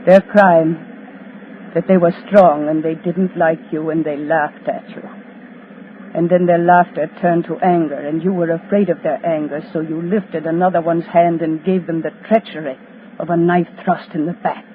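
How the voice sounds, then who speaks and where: Wartime radio drama: female actor as avenging prisoner taunting her executioners in slow chant-like phrases, faint hiss, narrow old broadcast band. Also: on the low side, steady tone, close to an everyday voice. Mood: solemn, menacing. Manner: solemn, incantatory, taunting, dramatic pauses. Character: defiant condemned woman, unkillable avenging accuser of Nazis. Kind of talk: 1940s radio drama monologue. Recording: thin, scratchy 1940s radio broadcast.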